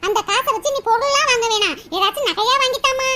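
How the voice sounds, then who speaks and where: A woman's voice: very high voice, quick pace. A woman voicing a spoiled married daughter in a cartoon, whining and pleading. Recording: loud hiss under voice.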